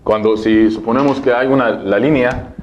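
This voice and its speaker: A man's voice: medium pitch, fairly even intonation, moderate pace, a little mellow, highs cut off, slight background noise. A man teaching Arabic letters in a recorded lesson. He explains step by step, asks and answers his own questions, and says each syllable again and again for the learner to copy.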